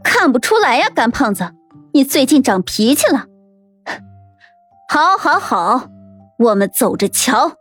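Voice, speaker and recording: A man's voice: very high voice, big pitch swings, a little slow, pauses often, fairly bright tone, slightly rough, soft background music, voice pushed up, heavily acted. A man voicing a fierce teenage girl gang leader, threatening and sneering, in an audiobook. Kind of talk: audiobook character voice.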